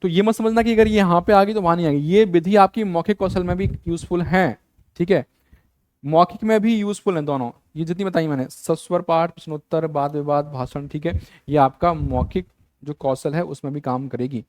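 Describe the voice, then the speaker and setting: A man runs an exam-prep lecture in a fairly high voice, heard dry and close with no room sound. He keeps repeating the key terms and throws rhetorical questions at his students. He casually mixes English words into his teaching. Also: normal speed, a little mellow, no echo.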